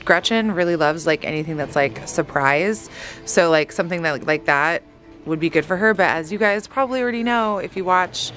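A woman's voice: lowish voice, a little fast, fairly bright tone, faint music behind. A middle-aged woman filming a casual family shopping vlog, chatty and rambling with lots of ums, speaking into a handheld camera in a car and then in a store. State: out of breath after running in. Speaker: vlogger mother.

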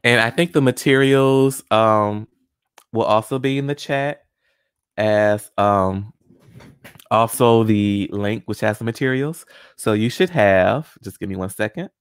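This guest scientist, a man in his forties, has a smooth, lowish voice and takes his time, leading viewers patiently through a home experiment in a warm, step-by-step way. Recorded in a small home room on a studio condenser mic with pop filter and headphones, the sound is clean and studio-like with no room sound.

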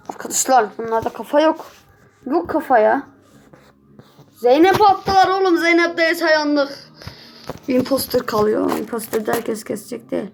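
Gravelly, excitable woman gaming streamer. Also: fairly high pitch. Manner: excitable, swears and yells at the game. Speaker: gaming channel host. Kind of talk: casual gameplay commentary.

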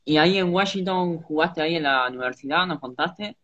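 A man's voice: fairly high pitch, fairly quick, a bit bright. A young man, interviewing a guest on a video call from a room at home, hesitant with many fillers. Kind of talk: casual interview questions. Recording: muffled video call audio.

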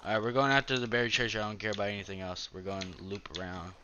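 A man giving casual gameplay commentary as host of his own gaming channel, excitable and profane, trash-talking and breaking into sudden yelps. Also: fairly low pitch, quick pace, dull audio, a little hiss or hum.

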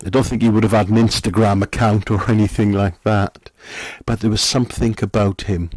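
A middle-aged male pastor with a fairly low voice, preaching in a gentle, questioning, conversational way. He is recorded up close in a dry space with no room echo. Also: fairly even intonation, fairly quick. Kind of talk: sermon.

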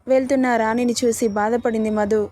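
A woman's voice: fairly high pitch, steady tone, a little fast, dark tone, no echo. A woman narrating a dramatic story and reading all the characters' lines in her own voice.

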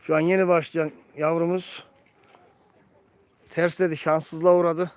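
A man's voice: a little high, level tone, a little slow, clean tone. A man hosting a casual live pigeon-auction stream, commentating and addressing viewers as friends. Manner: addresses viewers as friends, repeats key phrases.

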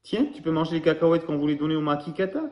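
A man voicing a kind, gently teasing mother koala in a storybook. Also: a little high, racing, lo-fi sound, natural voice. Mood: gentle teasing. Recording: roomy echoey room.

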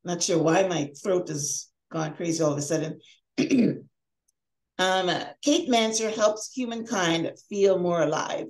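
Woman podcast host, middle-aged, emphatic upbeat delivery, lowish pitch, home video call. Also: a little slow, darkish tone, low-quality recording. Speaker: podcast host, life coach. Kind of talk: scripted introduction and interview.

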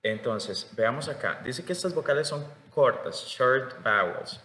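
A man from Costa Rica with a Costa Rican Spanish accent, teaching English vowel sounds slowly, repeating each sound and often checking in with his students. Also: medium pitch, animated, fairly bright tone. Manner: slow, repeats vowel sounds and words many times. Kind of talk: pronunciation lesson. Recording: echoey room with long reverb.

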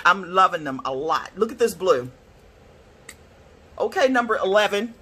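A woman's voice: mid-range voice, moderate pace, husky. Gushing woman swatching art supplies. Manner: gushing, excitable, frequent gasps and squeals. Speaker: product reviewer. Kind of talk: casual product swatching.

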